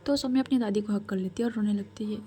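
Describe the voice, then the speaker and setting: A woman's voice: medium pitch, quick pace, warm tone. A woman storyteller narrating a romance in a chatty, casual way with conversational asides.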